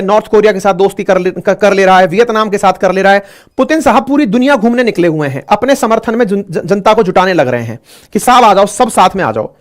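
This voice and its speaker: Chatty male current affairs teacher. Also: high voice. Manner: chatty, addresses listeners as friends, mixes in English words. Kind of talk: casual explainer lecture.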